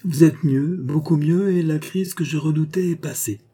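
A man reading a gentle mysterious young nurse. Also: mid-range voice, normal speed, slightly rough, natural voice. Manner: soft, tender and discreet.

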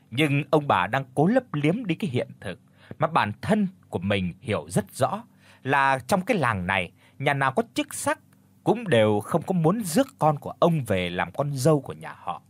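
A man telling a scripted horror story in a dramatic, expressive way. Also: mid-range voice, breathy edge, dry recording.

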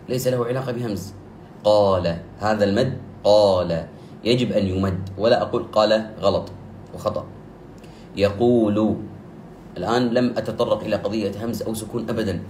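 A man teaching the rules of Quran recitation. He explains methodically, repeats key terms, corrects errors firmly, and chants examples with long drawn-out vowels. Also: on the low side, darkish tone. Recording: echoey room with faint background noise.

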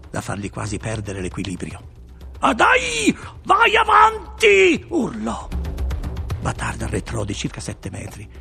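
Reading a literary story aloud, a male audiobook narrator uses a gravelly, husky voice on the low side. His delivery is expressive and dramatic.

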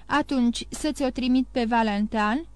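A cool, polite middle-aged stepmother speaking with formal courtesy, read by a woman narrator. The voice is fairly high and recorded dry, with no room around it. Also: darkish tone, clear, resonant tone, dry recording, faint music behind, lightly acted.

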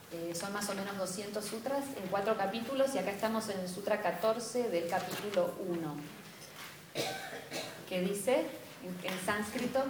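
A spiritual teacher with a Rioplatense Spanish accent gives a class lecture in a mid-range voice, engaging and often checking in with her students. The recording is from an echoey room with a noisy background.

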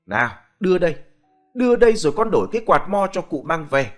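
A man's voice: on the high side, sing-song, fast talker, faint music behind, voice pushed up. A man doing a cheeky, sly young peasant. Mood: mocking. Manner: mocking, sly, playful.

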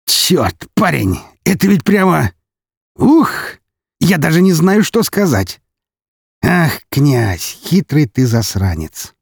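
A man's voice: mid-range voice, moderate pace, creaky, breathy edge, dry recording, clean studio sound, pitched above the performer's own voice. A man voicing a scarred, cunning count with a mocking, gleeful manner. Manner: mocking, gleeful, raised lively delivery.

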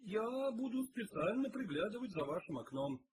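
A man doing a cheeky wisecracking detective guy, pitched way up, bouncy and lively, faint hiss behind. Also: moderate pace. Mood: glib. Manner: cheeky, teasing. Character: brash young male detective, cocky and glib.

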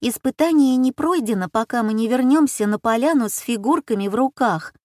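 A woman's voice: a little high, brisk, darkish tone, no room sound, clean studio sound, voice pushed up, lightly acted. Pilla, a woman reading an anxious young girl. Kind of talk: audiobook character voice.

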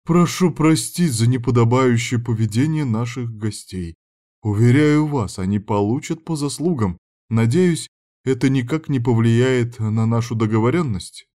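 A man reading an audiobook, voicing a stern female hostess who gives cold commands and later turns smoothly apologetic. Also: medium pitch, expressive, unhurried, darkish tone, natural voice. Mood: placating.

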